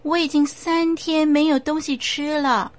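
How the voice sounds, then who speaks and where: A woman voicing a ghost that pretends to be a hungry dead little boy, with a high, plaintive, pleading wail. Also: steady tone, unhurried.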